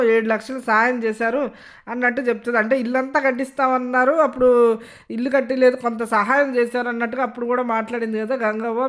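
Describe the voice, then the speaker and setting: This is a reviewer walking through an episode in a relaxed, chatty way. The retelling is loose and wanders, with frequent filler sounds between phrases. The voice sits at an ordinary middle pitch. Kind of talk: casual spoken episode recap.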